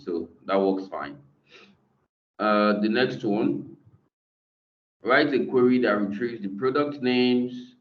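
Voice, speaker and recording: Low, slow teacher on a screen-recorded video call. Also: male voice. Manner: hesitant, many fillers. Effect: screen-recorded video call audio. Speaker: instructor. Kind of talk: online class lecture. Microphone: computer mic on a video call. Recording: dull, echoey video-call audio.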